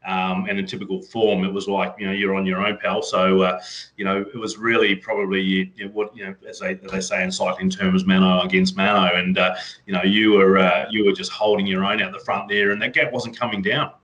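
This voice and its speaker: A man's voice: deep voice, little pitch movement, fairly quick, a bit bright, highs cut off, a little hiss or hum. A man interviewing a cyclist, asking long rambling questions full of "you know" and "um". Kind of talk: casual interview.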